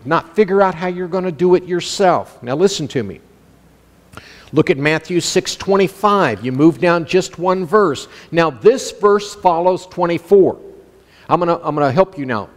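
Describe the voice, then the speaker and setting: A man preaching a sermon with a somewhat high voice, lively and animated, acting out the worried voices of his listeners. His voice rings with the long reverb of a large church hall. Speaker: pastor.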